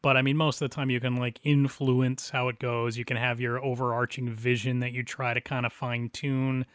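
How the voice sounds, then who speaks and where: A man's voice: mid-range voice, level tone, a little fast, fairly bright tone, dry recording, clean studio sound. A man co-hosting a podcast about community theater in casual chat, laughing often and restarting phrases. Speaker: podcast co-host.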